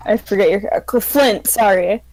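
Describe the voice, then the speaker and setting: A woman game master improvising casual tabletop narration in an informal, halting way. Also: mid-range voice, a little mellow, no room sound, poor audio.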